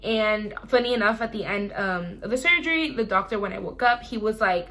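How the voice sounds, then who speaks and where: A young adult woman vlogger chatting casually to camera, telling personal stories in a chatty, animated way. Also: medium pitch, brisk, low-quality recording.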